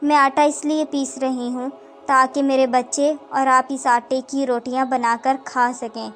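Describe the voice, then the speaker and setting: A woman's voice: high voice, flat delivery, a bit bright, faint music behind. A woman reading a tearful dying mother. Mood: tender, tearful. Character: dying young mother, tender and resigned.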